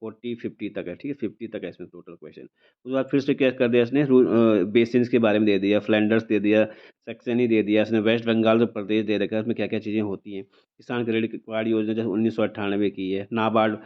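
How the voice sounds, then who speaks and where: A man's voice: lowish voice, steady tone, fast talker. A man giving an informal exam paper review as a coaching teacher, chatty and repeating a filler. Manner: conversational, repeats "ठीक है ना" as a filler. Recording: dull lo-fi recording.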